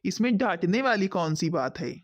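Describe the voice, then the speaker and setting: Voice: mid-range voice, very animated, moderate pace. Someone playing a young husband taking his wife's side. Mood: pleading. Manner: pleading, reasoning. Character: young husband defending his new wife. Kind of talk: village family skit acting. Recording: dull lo-fi sound.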